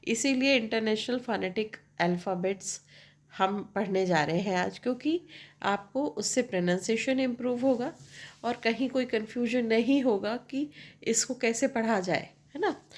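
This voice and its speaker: A woman English teacher, explaining slowly and mixing in English phrases while checking in with her students. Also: on the high side. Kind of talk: bilingual classroom explanation.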